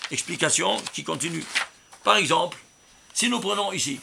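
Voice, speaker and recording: There's slight background noise as a man, a rabbi, delivers a Torah commentary interpreting numbers. His voice is fairly high and creaky, and he speaks emphatically, stressing words loudly and often asking his listeners rhetorical questions.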